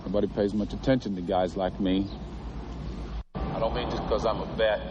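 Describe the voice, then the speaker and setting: An actor playing a middle-aged male war veteran who speaks in a low, measured, plainspoken way. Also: steady tone, dull audio, close to an everyday voice. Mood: calm, resolute. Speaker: veteran occupying a park. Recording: film clip with street noise.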